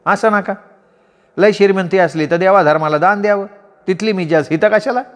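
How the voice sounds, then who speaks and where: A man voicing a gentle, cautious young wife who speaks in a soft, pleading tone. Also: high-pitched, fairly quick, big-room sound, voice pushed up, natural voice. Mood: earnest.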